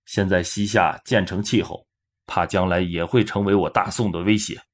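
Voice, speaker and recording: A man's voice: low-pitched, steady tone, normal speed. A man voicing a grave young elder brother and officer in a historical audio drama, speaking earnestly and firmly. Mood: thoughtful.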